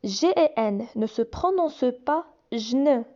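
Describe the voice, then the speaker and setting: Woman, phonics teacher, mellow high voice, drawn-out sounds, muffled recording. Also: expressive. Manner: slow, deliberate, repeats and stretches each sound. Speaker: reading teacher. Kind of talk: slow phonics lesson for young children.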